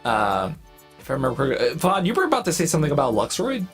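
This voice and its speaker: A streamer hosting a casual group livestream chat, with excitable, gushing greetings for viewers. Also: medium pitch, racing. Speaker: streamer host, VTuber. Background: background music.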